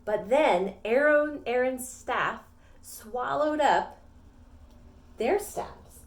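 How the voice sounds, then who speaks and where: A middle-aged woman teaching a children's Bible lesson with props, animated and playful, talking directly to the kids. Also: sits high, extremely slow. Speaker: Sunday school teacher.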